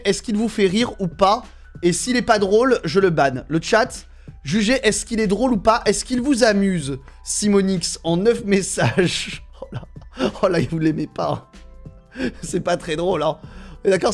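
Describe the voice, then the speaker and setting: High-voiced blunt French streamer. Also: male voice. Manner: mocking, blunt, crude, talks to chat. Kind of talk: casual live-stream chat.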